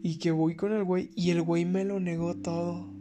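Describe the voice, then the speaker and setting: A man's voice: sits high, little pitch movement, moderate pace, background noise. A young man with a Mexican accent casually telling a personal story, slangy and candid, swearing now and then. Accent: Mexican Spanish. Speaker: storyteller host. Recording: music playing underneath.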